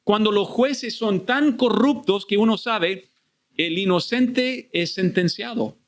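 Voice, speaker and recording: A male preacher delivers an expository sermon to his church. His voice sits high. He keeps turning to the congregation with rhetorical questions. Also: takes it slowly.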